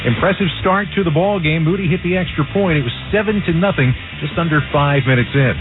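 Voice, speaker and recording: Guy hosting football recap on radio, slightly high voice, thin band with music behind. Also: a little fast. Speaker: postgame radio studio host. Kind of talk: sports highlight recap. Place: radio studio. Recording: phone-like radio sound with music underneath.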